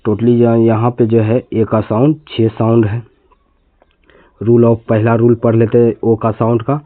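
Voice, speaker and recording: A man's voice: medium pitch, monotone, unhurried, no echo. A man from India teaching an English reading lesson, spelling words letter by letter and repeating them patiently. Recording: tinny, phone-like lo-fi sound.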